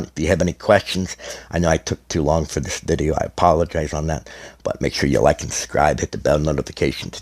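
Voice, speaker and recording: Gaming YouTuber, middle-aged man, very low voice, slightly hoarse, loose and rambling. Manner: rambling, many restarts and fillers. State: slightly hoarse, losing his voice. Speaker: gaming content creator. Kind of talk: casual explanatory gaming video.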